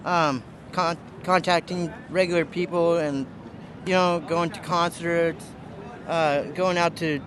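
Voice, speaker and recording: Young guy from russia, high voice, stumbles and says uh a lot, loud street noise. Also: steady tone, takes it slowly. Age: 20s. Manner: hesitant, lots of uhs and restarts. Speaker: passerby. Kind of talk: casual street interview. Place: city street outdoors.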